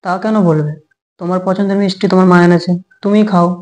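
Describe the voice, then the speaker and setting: A man playing a short-tempered young husband in a comic home drama, snapping and quick to take offence. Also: sits high, fairly even intonation, darkish tone, natural voice. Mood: indignant.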